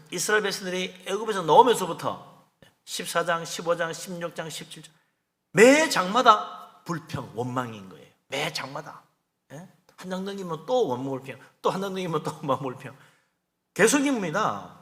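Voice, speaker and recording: A man's voice: high voice, big pitch swings, fairly quick, a bit bright, in a large hall. A male pastor preaching a midweek Bible sermon in a conversational way, acting out the lines he quotes. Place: church sanctuary.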